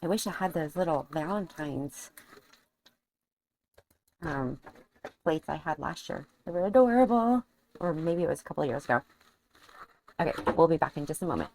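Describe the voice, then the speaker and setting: A woman's voice: deep voice, normal speed, long pauses, darkish tone, a little hiss or hum. A woman vlogging a cooking demonstration in her home kitchen, chatting casually and thinking aloud as she cooks and tastes.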